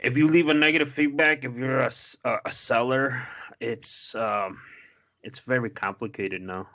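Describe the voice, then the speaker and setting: A man chatting on a podcast in a bright, forceful voice, rambling and swearing freely through his stories. He talks in a loose way, full of "like" and "you know", with a pitch that sits in the middle for a man. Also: steady tone, moderate pace. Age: adult, married. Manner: loose and profane, rambling with many fillers. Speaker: podcast co-host. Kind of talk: casual chat.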